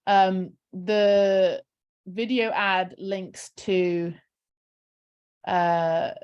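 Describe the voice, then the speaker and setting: A female charity campaigner chats on a casual video call, walking through a screen share and using lots of fillers such as "um" and "kind of." Her medium-pitched, darkish voice is clean but flat, and she speaks extremely slowly. The audio sounds dull.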